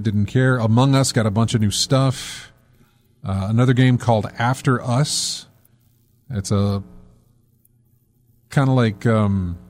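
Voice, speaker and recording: A man's voice: mid-range voice, a little mellow. A man hosting a casual gaming podcast, rambling and correcting himself with lots of fillers. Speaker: podcast host.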